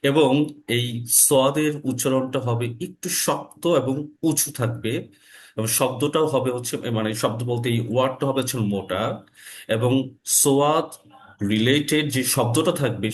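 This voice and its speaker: Slow and deliberate, a man in a mid-range voice gives an online lesson on pronouncing Arabic letters, repeating every sound for his students. He teaches Quran recitation.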